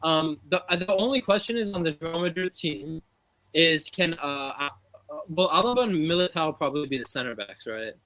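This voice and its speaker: A man talking sport on a faulty call mic that turns his voice robotic and metallic. He sounds bright and fairly high, hesitating often with fillers. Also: expressive, moderate pace, rough recording. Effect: robotic, metallic glitchy mic. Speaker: panelist. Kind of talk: casual sports talk. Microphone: faulty online call mic.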